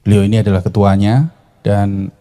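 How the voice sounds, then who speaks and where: A man serving as moderator opens with a prayer and then introduces a guest in a formal, halting way. His voice is very dark and low. He speaks in a flat, even tone.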